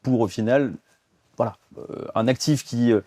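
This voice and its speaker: A man's voice: mid-range voice, moderate pace, mellow, no echo. A man in his thirties from France, a guest in a business interview, talking with many fillers and restarts. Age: 30s. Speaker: guest, fund development director.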